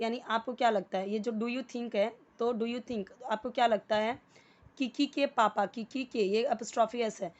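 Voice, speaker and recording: Higher-voiced woman teaching slowly. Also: muffled recording. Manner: slow, repeats words, switches between Hindi and English. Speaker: English teacher. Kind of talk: explaining a lesson, reading and translating examples.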